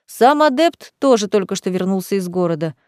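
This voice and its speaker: A woman reading a fantasy novel aloud as the narrator, in an even, measured way. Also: mid-range voice, dry recording, clean studio sound. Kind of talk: audiobook narration.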